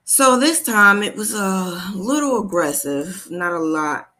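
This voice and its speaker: A woman vlogger tells a personal story in a mid-range, expressive voice, slow-paced with a bright, forceful tone. Her delivery is casual and conversational; she often backtracks and acts out quoted dialogue.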